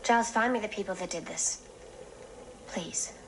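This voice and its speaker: A woman's voice: medium pitch, normal speed, slight background noise, natural voice. A young woman playing an intense, determined teenage girl in a TV drama. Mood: shaken, determined. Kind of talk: TV drama acting.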